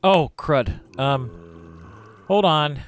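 Excitable man joking through a game. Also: a little high, drawn-out words, faint music behind. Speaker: let's play gamer. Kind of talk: casual co-op gameplay chat.

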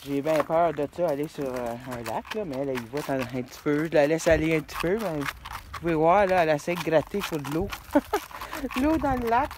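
A woman's voice: deep voice, animated, moderate pace, background noise. A middle-aged woman with a Quebec French accent, chatting casually to her phone while hiking a snowy trail outdoors. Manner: chatty, rambling, laughs often. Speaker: hiking vlogger. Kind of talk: casual vlog chat. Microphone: phone at arm's length.

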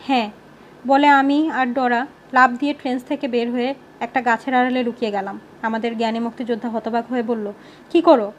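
A woman reading a novel aloud in a steady storytelling manner, voicing the characters' lines herself. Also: a little high, a little fast, a little hiss or hum. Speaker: audiobook reader. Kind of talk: storybook narration with voiced dialogue.

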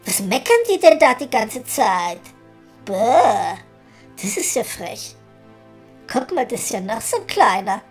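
A man's voice: extremely high pitch, a bit bright, pitched above the performer's own voice, heavily acted. A man with a Ruhr German accent voicing a spoiled, party-mad female fairy who whines and squeals, in a comedic audio play. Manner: whiny, squealing, easily disgusted.

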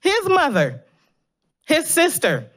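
A woman's voice: sits high, huge pitch swings, slow, fairly bright tone. Earnest woman pleading at a podium. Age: 30s. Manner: earnest, pleading, emotionally charged. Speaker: public commenter at city council. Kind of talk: reading a prepared public statement. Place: large indoor council chamber. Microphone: podium gooseneck microphone.

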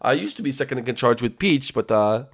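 A man's voice: mid-range voice, lively intonation, a little fast. A man voicing an anxious, lovesick male chef who frets, in an amateur comedy skit. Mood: awkward, consoling. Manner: fretful.

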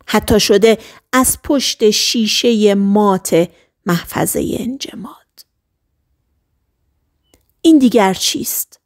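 A woman narrating an audiobook in the first person, in a steady, measured reading. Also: mid-range voice.

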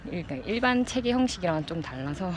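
A vlogger in her thirties stands in an open, tree-filled park, talking casually and reflectively to a phone held at arm's length. Her fairly low voice is animated, though she speaks in halting phrases while hunting for words. Park ambience comes through as clear outdoor background noise.

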